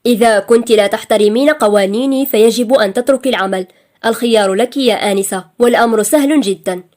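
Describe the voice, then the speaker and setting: A woman's voice: mid-range voice, steady tone, brisk, darkish tone, lightly acted. A woman voicing a stern male boss who talks coldly and firmly. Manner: cold, firm. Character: stern, cold male boss, gentle underneath.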